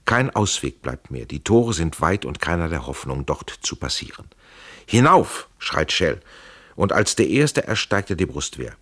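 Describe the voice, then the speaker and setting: A man's voice: a bass voice, sing-song, moderate pace, hardly any pauses, fairly bright tone, husky, dry recording. A man narrating an audiobook in a dramatic, vivid storytelling manner, close to a studio mic.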